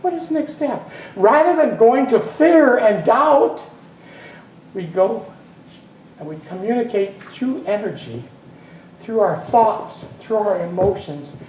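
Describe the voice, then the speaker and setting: A man's voice: sits high, lively intonation, takes it slowly, a little mellow, a little hiss or hum. Male minister, rambling sermon delivery, chuckling asides, distant mic, echoey room. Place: spiritual center meeting room. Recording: roomy hall from a distance, faint ambience.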